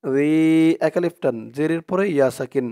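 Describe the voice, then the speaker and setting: A man teaching Quran reading, slowly reciting verses and then explaining pronunciation in quick asides. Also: fairly high pitch, dark tone. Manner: slow drawn-out recitation alternating with quick explanations. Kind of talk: recitation lesson with call-and-repeat.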